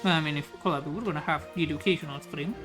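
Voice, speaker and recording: A woman's voice: sits low, fast, over music, poor audio. A woman from Spain with a Spanish accent, chatting casually and crudely while streaming a game into a mic with a pop filter. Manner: rambling, crude, joking. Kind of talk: casual chat while gaming. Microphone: studio mic with pop filter.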